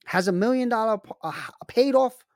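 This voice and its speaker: A man's voice: high voice, animated, brisk, a little mellow, dry recording, clean studio sound. A man hosting a casual personal finance talk, speaking emphatically and turning to the listener with frequent asides. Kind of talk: casual monologue with storytelling.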